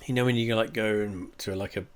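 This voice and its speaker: A man's voice: lowish voice, steady tone, fairly quick, clear, resonant tone. Congested, rambling man. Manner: meandering, profane, wry. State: congested, coughing. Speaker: home reviewer. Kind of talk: rambling casual review. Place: at home indoors.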